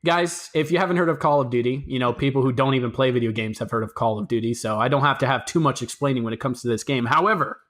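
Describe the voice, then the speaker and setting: Young dude cohosting a podcast, mid voice, jokey, teasing, tells stories all animated. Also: male voice, mid-range voice, quick pace, few pauses. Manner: joking, playful teasing, animated storytelling. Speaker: podcast co-host. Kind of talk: casual chat.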